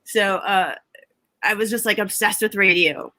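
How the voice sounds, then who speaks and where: A woman's voice: mid-range voice, unhurried, pushed and bright, no echo. A woman in her fifties with a slight Minnesotan accent, chatting as an interview guest over a video call from home, laughing often and restarting sentences. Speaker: guest, Broadway head of props. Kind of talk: casual interview chat.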